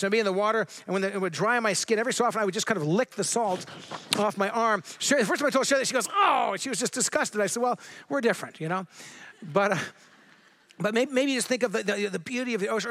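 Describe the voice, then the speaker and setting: A middle-aged man from Southern California, a pastor delivering a sermon in a conversational way, slowing down to read scripture with emphasis. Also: high-pitched, a bit bright.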